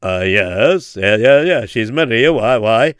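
A man's voice: medium pitch, expressive, slow, clean tone, no room sound, studio quality, pitched below the performer's own voice. A man voicing a worried, well-off man who gets flustered and stammers.

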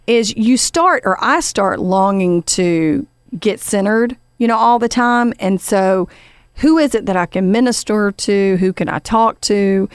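A woman's voice: medium pitch, a little slow, smooth, no echo, studio quality. A woman hosting a podcast, telling a story in a casual, chatty way with lots of fillers and the odd "honey" for her guest. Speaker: podcast host.

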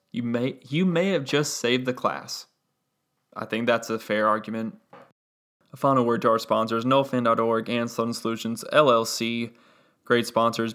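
Alone on his sports podcast, this young host walks through a game in a casual, analytical way, using plenty of fillers. His gravelly voice is medium in pitch with a fairly bright tone.

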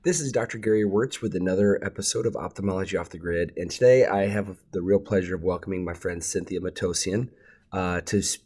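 A man hosts a podcast, reading a scripted introduction before chatting with a guest. His voice sits low with fairly even intonation and a brisk pace. He's warm and friendly, though hesitant with fillers once he goes unscripted.

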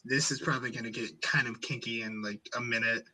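A man's voice: mid-range voice, fairly even intonation, fast talker, sharp tone, low-quality recording. A man hosting a podcast in casual chat, rambling and swearing a lot. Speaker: podcast host.

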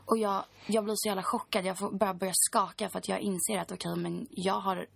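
A woman's voice: mid-range voice, flat delivery, creaky, a bit bright, slightly rough. A woman in her twenties, a podcast guest, recounting a personal story in a chatty way full of fillers.

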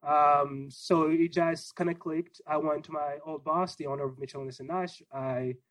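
A young man raised in Israel, answering interview questions in a relaxed, rambling way with many fillers. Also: fairly high pitch, normal speed, no room sound, low-quality recording. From Congo, raised in Israel. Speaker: gallery owner guest.

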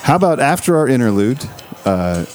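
A man co-hosting a casual, comedic podcast, making dry, deadpan jokes. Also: medium pitch, normal speed, a little hiss or hum. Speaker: podcast co-host.

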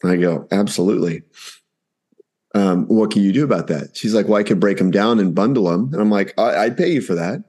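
A man's voice: fairly low pitch, animated, brisk, warm tone, breathy edge. A man in his forties, a podcast guest, telling a family story casually and animatedly, acting out the dialogue.

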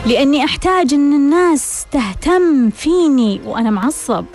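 A woman's voice: sits high, animated, moderate pace, darkish tone, soft background music. A woman hosting a self-help show, giving a scripted monologue in which she asks questions and answers them herself.

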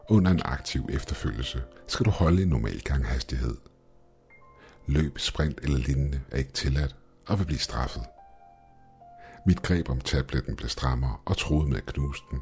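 A man reading a first-person horror story in an even, measured storytelling voice. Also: very deep voice. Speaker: narrator. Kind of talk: scripted horror narration.

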